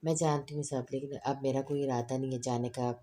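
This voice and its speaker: A woman reading the lines of a listless, reluctant young woman student in a storybook, speaking quietly. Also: a bass voice, fairly even intonation.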